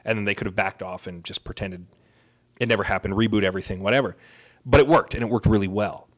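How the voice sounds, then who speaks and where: Casually discussing films and comics, a man co-hosting a podcast argues his views emphatically, repeating phrases to drive them home. His voice sits on the low side, and he talks fast.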